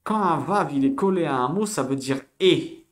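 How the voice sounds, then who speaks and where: A man giving a casual spoken lesson, animated and repetitive, spelling out sounds slowly for learners. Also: fairly high pitch. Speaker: Hebrew teacher.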